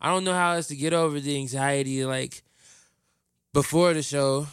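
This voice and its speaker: A man's voice: on the high side, steady tone, normal speed, clear, resonant tone, no room sound, studio quality. A man hosting a podcast in casual chat, profane and laid-back, laughing often. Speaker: podcast host.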